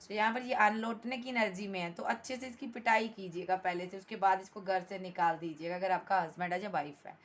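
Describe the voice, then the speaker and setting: A woman's voice: medium pitch, fairly even intonation, brisk, hardly any pauses. A woman giving a tarot reading to her viewers, blunt and emphatic, scolding the absent partner and calling the listener "bhai" and "darling". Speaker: tarot reader.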